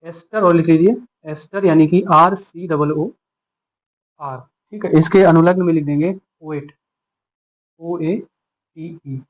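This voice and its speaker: A man's voice: fairly high pitch, steady tone, unhurried, lo-fi sound. A man teaching a chemistry lesson. He explains patiently, asking questions and answering them himself. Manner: patient, asks and answers his own questions.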